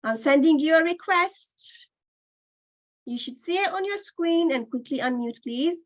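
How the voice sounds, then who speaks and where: Lady teacher on a video call, high voice, dry close sound, says each sound over and over so kids get it. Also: expressive, unhurried, no echo, poor audio. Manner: patient, demonstrates sounds by repeating them. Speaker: Qur'an reading teacher. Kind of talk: online class teaching.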